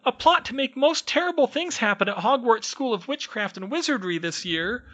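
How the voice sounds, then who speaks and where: A tiny, frantic house-elf squeaks in a piercing high voice, pleading and bowing with every sir. His grammar is broken and his delivery is loud and lively, swooping up and down. The tone is bright and sharp. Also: normal speed. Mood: urgent alarmed. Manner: servile, says sir constantly, broken grammar.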